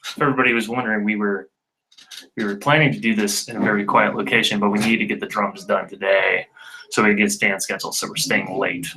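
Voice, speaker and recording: A man's voice: fairly low pitch, steady tone, fast talker, a crowd in the background, poor audio. A man from a band casually chatting on a studio livestream, laughing often and rambling through restarts. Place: recording studio with drums being tracked.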